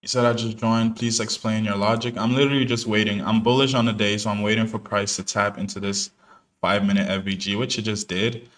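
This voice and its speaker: Brisk and steady, a lowish male voice belongs to a young day trader streaming live. Born in New Jersey to Ghanaian parents, he comments in a laid-back, slangy manner with many fillers.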